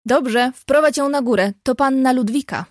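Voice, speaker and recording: A woman's voice: sits high, moderate pace, a little mellow, no room sound, studio quality, pitched above the performer's own voice. A woman reading an audiobook, voicing a shy, sickly teenage boy in a polite, slightly plaintive way. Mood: eager.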